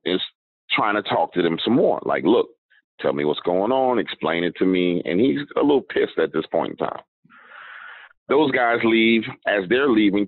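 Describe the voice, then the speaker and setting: A man, a podcast guest, telling a long story in a relaxed, conversational way, often checking in with "right?". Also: deep voice, dry recording. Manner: unhurried storyteller, leaning on "right?" and "um". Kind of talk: casual storytelling. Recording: dry tinny phone-like line.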